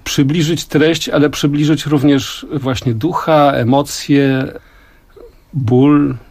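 An older man with a mid-range voice talks thoughtfully in a radio studio interview. He weighs his words and pauses often as he explains his craft. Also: on the high side, steady tone, darkish tone. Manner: reflective, measured, with frequent pauses. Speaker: song translator and musician, guest.

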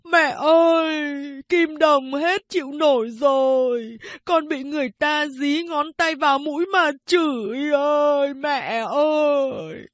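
A man's voice: very high-pitched, fairly bright tone, dry recording, pitched above the performer's own voice, exaggerated voice. A woman voicing a humiliated young man in an audiobook, crying out in long wailing lines and cursing. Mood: wailing despair. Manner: wailing, cursing, drawn-out cries.

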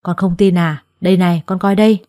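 A woman's voice: lowish voice, steady tone, brisk, warm tone, no room sound, studio quality, lightly acted. A woman voicing a harsh, spiteful older adoptive mother who scolds with scorn in a storybook reading. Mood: cruel.

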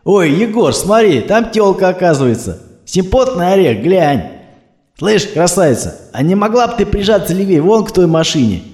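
A man doing a loud, swaggering young thug driver, barking insults in a high, strained voice. The roomy recording adds a light echo around every shout. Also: very animated, normal speed. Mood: brash.

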